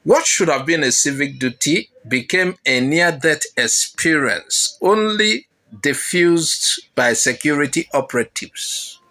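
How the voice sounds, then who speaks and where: A man reading out news commentary in a fairly high, lively voice that climbs and dips through each sentence. His tone is bright and forward, and he leans on rhetorical questions to build drama. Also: unhurried.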